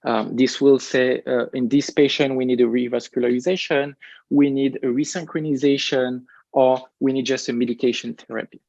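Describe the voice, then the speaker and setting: A man's voice: medium pitch, steady tone, normal speed, vocal fry, a little mellow, no echo, highs cut off. A man with a French accent presenting his research at a conference, hesitant with many fillers and repeated words.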